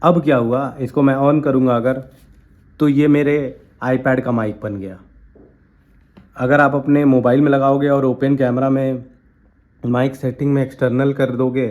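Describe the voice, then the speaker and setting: A man's voice: mid-range voice, fairly even intonation, unhurried, narrow, tinny audio. A man demonstrating a handheld recorder for his viewers, explaining each step directly to them as a tech reviewer. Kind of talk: product demo. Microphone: handheld portable recorder.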